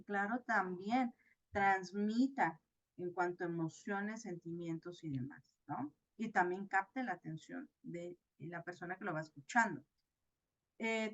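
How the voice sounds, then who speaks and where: A woman teacher giving an online class lecture, explaining slowly and checking in often with her students. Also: mid-range voice, lo-fi sound. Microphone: video call.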